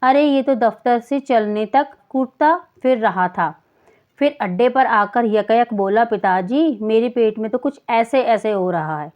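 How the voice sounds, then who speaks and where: A woman reading the part of a worried father of a sick boy in a slow, bewildered way. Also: a little high, lightly acted. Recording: dull lo-fi recording.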